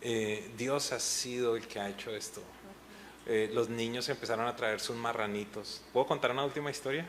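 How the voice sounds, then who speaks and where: A man's voice: mid-range voice, fairly even intonation, moderate pace, a bit bright, slight background noise. A middle-aged man, a pastor, telling a personal story with feeling, sometimes retelling moments when he was in tears. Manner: earnest storytelling with emotional retellings. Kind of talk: testimony in a pastors' panel talk.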